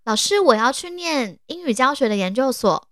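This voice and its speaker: A woman's voice: sits high, big pitch swings, normal speed, a bit bright, dry recording, clean studio sound, pitched above the performer's own voice. A woman putting on the voice of a startled male professor who stammers in disbelief. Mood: astonished. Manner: stammering, incredulous.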